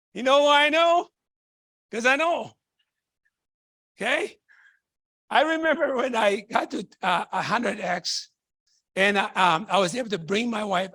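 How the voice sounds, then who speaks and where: A man from Tonga with a striking high, gravelly voice delivers a fervent motivational talk. His bright, edgy tone carries enthusiasm as he keeps asking the audience questions. The sound is close and dry. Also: no echo. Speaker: motivational speaker.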